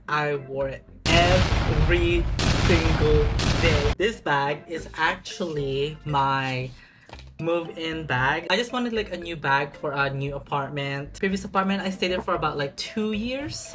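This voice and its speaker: A young vlogger with a slightly high, fairly bright voice chats casually while unboxing a bag in a small apartment room. He's sassy and dramatic, drawing out words for emphasis.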